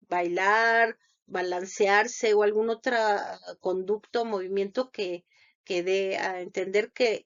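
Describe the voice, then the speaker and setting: Slow-talking woman lecturing, lots of ums and restarts, dull lo-fi sound. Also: mid-range voice, creaky. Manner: halting, many fillers and restarts. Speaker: lecturer on thesis defense. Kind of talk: unscripted lecture.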